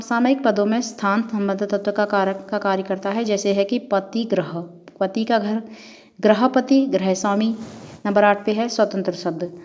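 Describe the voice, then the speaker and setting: A woman professor delivers a methodical lecture, moving through numbered points and lists of example words. Her voice sits at a middle pitch for a woman. The sound carries a long reverb, as if recorded in a large hall. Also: darkish tone. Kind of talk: academic lecture.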